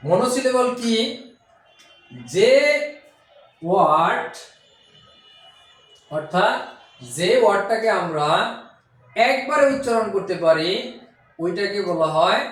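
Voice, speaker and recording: Echoey high-voiced man teaching. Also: lively intonation, a bit bright, faint music behind. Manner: explains step by step, sounds out syllables slowly. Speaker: English teacher. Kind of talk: classroom lesson explanation. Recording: very echoey room.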